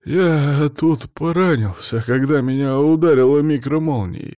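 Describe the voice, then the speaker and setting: Man putting on a slow, babbling injured worker. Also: a little high, mellow, no echo, studio quality, voice pushed up, close to an everyday voice. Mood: flustered. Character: dazed injured male power-line worker, mumbling.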